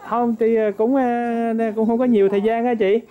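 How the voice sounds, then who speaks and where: A woman's voice: a little high, little pitch movement, normal speed, narrow, tinny audio. A woman, a visiting relative making polite, chatty conversation with lots of questions. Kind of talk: casual family chat.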